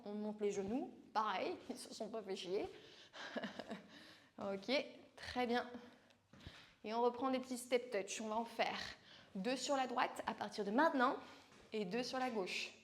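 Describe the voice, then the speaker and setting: A woman's voice: on the high side, measured pace. A woman leading a home workout as a fitness coach, chatty, joking and poking fun at herself between instructions. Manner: joking, chatty and self-mocking.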